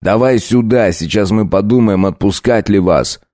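A man playing a mocking, brutal werewolf bandit leader who talks slowly and sneers. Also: lowish voice, dark tone, no room sound, studio quality, lightly acted. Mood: sneering. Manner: slow, sneering, gloating.

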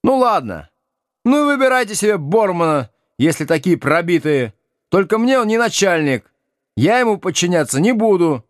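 A man voicing a loud, hot-tempered teenage boy who yells and squeals insults in an audiobook. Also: sits high, sing-song, normal speed, dry recording, clean studio sound, pitched above the performer's own voice. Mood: sulky.

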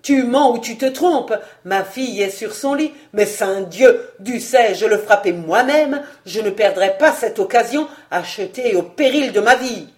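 A reader voicing a furious, scheming male nobleman in an audiobook, shouting and cursing. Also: mid-range voice, a little slow, close to an everyday voice. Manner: shouting, blasphemous outbursts. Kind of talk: audiobook character reading.

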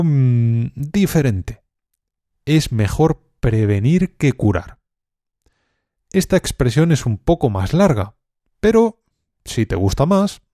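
A man teaching a language lesson, speaking calmly and deliberately with some hesitant fillers. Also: medium pitch, dry recording, studio quality. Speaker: Spanish teacher. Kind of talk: slow, clear language lesson.

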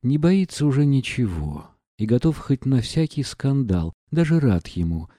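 A man narrates a literary audiobook in a measured, expressive way. His voice is dark and mellow, close and dry on the mic, and it swells on the dramatic passages. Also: medium pitch, no room sound.

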